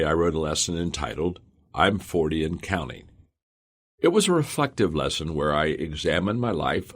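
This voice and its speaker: Husky man narrating with lively pitch. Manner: earnest, motivational first-person reading. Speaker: audiobook narrator. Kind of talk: scripted audiobook narration.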